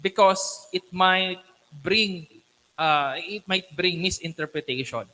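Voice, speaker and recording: Male thesis examiner, bright forceful voice, deliberate critical questions, lots of reverb in the hall. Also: high voice. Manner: deliberate, instructive, frequently checking with "okay". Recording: echoey hall with long reverb.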